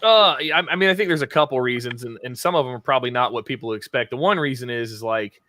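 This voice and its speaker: A man talking about his YouTube channel as a guest in a casual interview, energetic and laughing often. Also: medium pitch, quick pace, no echo. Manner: energetic self-styled hype talker, laughs often.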